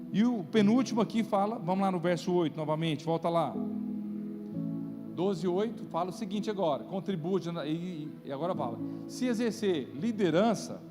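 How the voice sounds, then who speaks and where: Preaching in a conversational style, a pastor with a Brazilian accent poses rhetorical questions to check in with his congregation. His voice is high-pitched. The live-streamed church service echoes through a reverberant hall, with loud background music beneath him.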